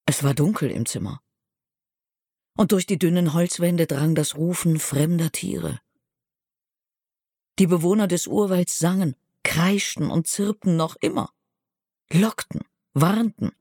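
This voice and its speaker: Slow, measured male audiobook narrator. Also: fairly high pitch, a little mellow, long reverb tail. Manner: measured, evenly paced reading. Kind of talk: scripted narration of a historical novel.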